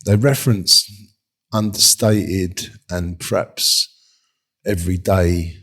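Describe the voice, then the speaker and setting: Man, very low voice, husky, self-mocking interview chat. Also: steady tone, takes it slowly, a bit bright. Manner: rambling, self-mocking, laughs often. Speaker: furniture designer, guest.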